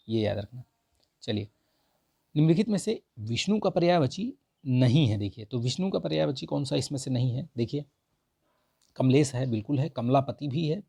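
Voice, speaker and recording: A man's voice: medium pitch, vocal fry, mellow, breathy edge, no echo, clean studio sound. A male teacher explains answers to an exam practice test, repeating the correct forms and saying "ठीक है" between points. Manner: repeats the right forms and says "ठीक है" often. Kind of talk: explaining a Hindi vocabulary test.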